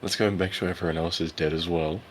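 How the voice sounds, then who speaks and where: A man's voice: low voice, fairly even intonation, quick pace, slight background noise. A man playing a tabletop game, talking in a dry, practical way. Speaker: player. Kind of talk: casual tabletop play.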